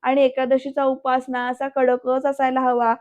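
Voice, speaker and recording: A woman voicing a gentle, patient woman teacher who pleads softly, in a dull, lo-fi recording. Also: high voice, completely flat delivery, normal speed, lightly acted. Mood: pleading. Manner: soft, pleading.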